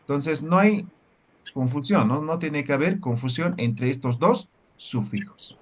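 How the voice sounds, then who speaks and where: A man's voice: on the high side, animated, unhurried. A man teaching a language class. He explains step by step and keeps checking with the students through short questions. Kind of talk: classroom lecture.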